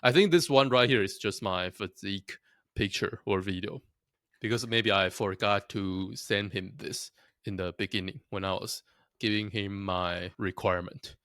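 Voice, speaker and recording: In a casual to-camera vlog, a young Taiwanese man chats with his viewers, self-deprecating and quick to laugh at himself. His lowish, fairly bright voice moves at a moderate pace, recorded at studio quality with no echo.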